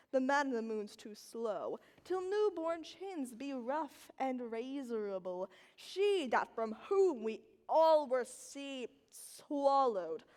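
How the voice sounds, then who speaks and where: A woman plays an ambitious, plotting courtier on a Shakespearean stage. The delivery is hammy and declamatory, high-pitched and slow, with sweeping rises and falls in a reverberant hall. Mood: grand, fervent. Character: scheming, ambitious courtier urging a drowsy lord to seize a crown.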